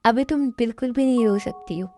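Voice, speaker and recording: A woman's voice: a little high, brisk, slight background noise, lightly acted. A woman voicing a tender, protective young husband. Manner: soft, coaxing and protective. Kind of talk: amateur fan-story dub.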